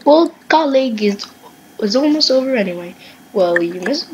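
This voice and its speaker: Woman gamer host, fairly high voice, casual let's-play chatter over clear background music, reads chat aloud playfully. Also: expressive, moderate pace, muffled recording. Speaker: gaming channel host. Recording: music playing behind the voice.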